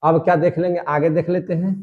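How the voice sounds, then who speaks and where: A man's voice: on the high side, flat delivery, brisk, phone-quality sound. A male chemistry teacher lecturing a classroom, repeating each question and drilling the answer emphatically.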